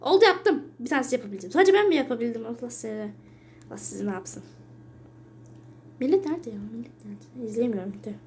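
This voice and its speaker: A high-voiced young woman talks her way through a game, her pitch leaping from hushed mutters and whispers up to piercing shrieks when danger gets close. Her voice swings wildly in tone as she narrates each move to her viewers. Faint background noise and the odd click sit under her home recording. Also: fast talker, long pauses. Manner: excitable, shrieks and yells when chased; drops to whispers and mutters between bursts. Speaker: gaming channel host. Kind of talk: casual gameplay commentary.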